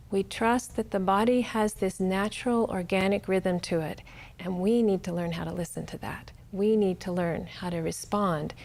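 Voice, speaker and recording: A woman on a massage school's staff calmly explains its philosophy in a promotional interview. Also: fairly low pitch. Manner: calm, explanatory.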